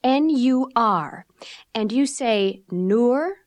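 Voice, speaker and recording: In a scripted textbook dialogue, a woman plays a polite office receptionist taking names. Her voice sits on the high side and is animated, and she speaks clearly and deliberately. There's no echo.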